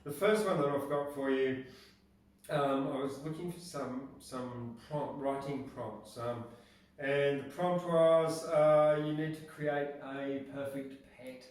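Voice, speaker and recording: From a distant mic in a very echoey room, a man reads his own poetry at an open mic. He speaks slowly and hesitantly, slipping between verse and casual, halting chat. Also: mid-range voice, darkish tone. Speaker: poet reading own poems at an open mic.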